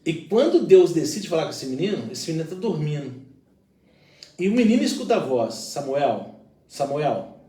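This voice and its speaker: Earnest pastor with a high lively voice. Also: male voice, a little fast, roomy sound, distant mic. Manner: earnest, explanatory, uses everyday examples. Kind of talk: conversational Bible reflection.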